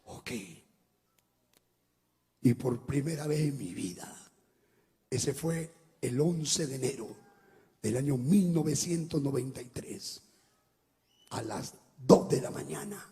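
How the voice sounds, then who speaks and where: A man, a pastor giving a dramatic testimony sermon that swings from shouting to hushed speech. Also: medium pitch, animated, slow pace, pauses often. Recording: long hall reverb.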